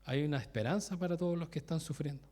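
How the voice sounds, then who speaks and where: Man preaching, fairly high voice. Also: quick pace, dark tone. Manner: informal, self-interrupting, laughs at his own stories; asks the congregation direct questions. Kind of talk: conversational sermon with personal stories.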